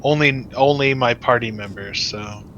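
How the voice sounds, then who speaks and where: A man's voice: medium pitch, moderate pace, highs cut off, background noise. A man chatting casually with friends during a game, dry and teasing. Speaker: gaming friend. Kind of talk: casual gaming chat.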